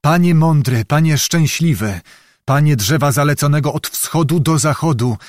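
A man's voice: a little high, moderate pace, darkish tone, no room sound, natural voice. Man voicing wounded messenger, grovelling, solemn, flowery, dry recording.

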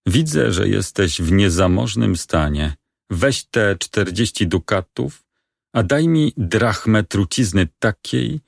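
A man's voice: on the low side, creaky, dry recording, studio quality, exaggerated voice. A man reading a brooding young lover in despair. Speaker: reader of a play. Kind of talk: dramatic reading of a stage play.

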